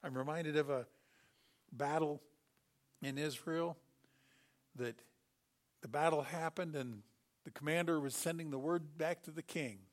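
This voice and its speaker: A middle-aged man preaching a sermon, telling Bible stories with animated delivery and acting out the characters. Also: on the high side, measured pace, long pauses.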